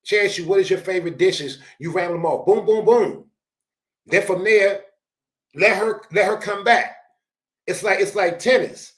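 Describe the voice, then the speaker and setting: High-ish guy ranting slangy dating advice, loud bursts, echoey room. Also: moderate pace. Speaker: show host reacting to a dating clip. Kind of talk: animated reaction commentary. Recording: roomy echo.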